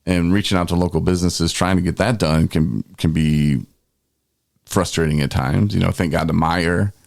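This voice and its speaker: A man's voice: low voice, fairly even intonation, normal speed, gravelly, darkish tone, no echo, clean studio sound. A man co-hosting a podcast in casual, rambling conversation. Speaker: podcast host. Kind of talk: casual chat.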